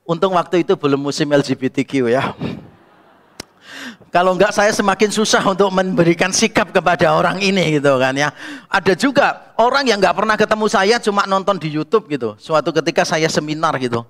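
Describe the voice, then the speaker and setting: A man preaching an expository sermon as a pastor, telling lively stories and acting out the people he quotes. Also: a little high. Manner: animated storytelling, acts out quoted people. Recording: reverberant hall.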